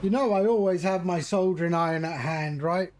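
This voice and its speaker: A man's voice: high-pitched, a little fast, darkish tone, a little hiss or hum. A man giving casual, chatty live commentary as a flight sim streamer. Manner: chatty, greets viewers while narrating flying.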